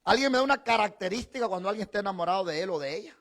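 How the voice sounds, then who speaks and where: A middle-aged man preaching from the pulpit, his voice pitched high for a man. He swings widely in pitch, chatting and joking with his flock, then rises into emphatic declarations. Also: animated, rapid-fire, a bit bright. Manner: conversational preaching with teasing asides to the congregation. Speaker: pastor. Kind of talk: sermon.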